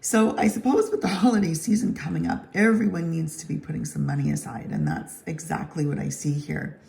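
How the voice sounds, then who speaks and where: A woman with a hoarse, grating, croaky voice from laryngitis, giving a tarot reading in a casual, explanatory, conversational way. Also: low voice, dark tone. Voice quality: grating, croaky voice that breaks into breathiness. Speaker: tarot reader hosting a weekly reading. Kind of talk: casual scripted-feeling tarot reading to viewers.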